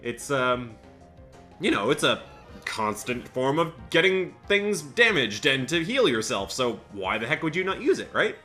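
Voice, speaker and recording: A man's voice: mid-range voice, sing-song, unhurried, bright, forceful tone, soft background music. A man giving chatty gameplay commentary as a Let's Play host, thinking aloud and often laughing.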